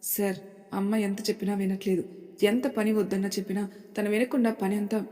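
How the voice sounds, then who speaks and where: A woman's voice: mid-range voice, little pitch movement, fairly quick, mellow, lightly acted. A woman voicing a loyal male assistant who answers respectfully and reassuringly, with a long hall reverb behind her voice.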